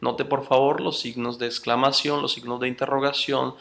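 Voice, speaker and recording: Male instructor with a bright, gravelly voice, teaching patiently and calling his students brothers. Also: mid-range voice, little pitch movement. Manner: addresses students as brothers, explains slowly with spoken examples. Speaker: course instructor. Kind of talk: recorded online lecture.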